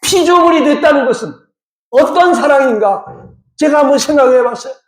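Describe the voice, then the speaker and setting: Male pastor, middle-aged, fervent sermon, high voice, echoey sanctuary. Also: expressive, brisk. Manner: emphatic, with rhetorical questions to the congregation. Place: church sanctuary. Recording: echoey church hall.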